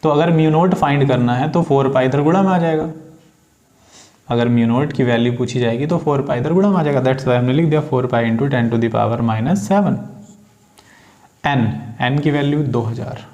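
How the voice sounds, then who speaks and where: A man's voice: mid-range voice, moderate pace, darkish tone, highs cut off. Male tutor, mid-range voice, patient step-by-step classroom explainer. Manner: patient, addresses students as beta, asks and answers own questions. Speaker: physics teacher. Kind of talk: classroom problem-solving lesson.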